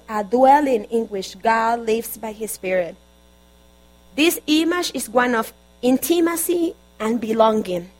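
A Colombian woman with a Spanish accent preaches a sermon in her second language. Her voice sits fairly high, and her delivery is earnest, with frequent halting restarts. A faint electrical hum runs underneath. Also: low-quality recording. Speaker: guest preacher.

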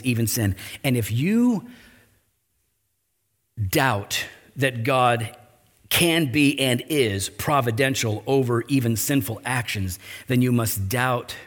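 A male pastor delivers a sermon in a conversational way, trailing into restarts and quick asides. His voice sits at an ordinary middle pitch but climbs and gets louder whenever he drives home a point. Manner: animated preaching, pitch and volume rising for emphasis.

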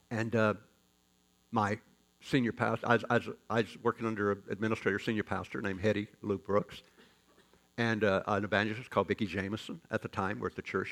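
A male pastor with a lowish voice preaches a sermon as folksy, joking storytelling, his delivery rising suddenly and loudly.

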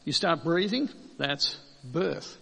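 A man preaching a sermon in a conversational way, asking rhetorical questions and slowing down to stress key words. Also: a little high, expressive, gravelly, fairly bright tone, slightly rough, in a large hall.

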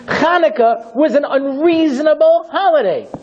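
Brief: male rabbi lecturer, dramatic storyteller, high lively husky voice, muffled recording. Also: moderate pace. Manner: dramatic, theatrical, acts out scenes. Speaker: rabbi teaching a class. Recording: dull lo-fi recording.

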